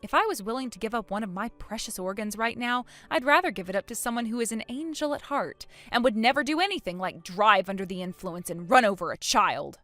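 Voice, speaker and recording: Cold and scornful, a woman voices an emotional, outspoken mother fiercely protective of her young son in a melodramatic audio drama, delivering lines earnestly and emphatically. She sounds fairly high, expressive, and a bit bright, going a little fast with hardly any pauses over faint background music.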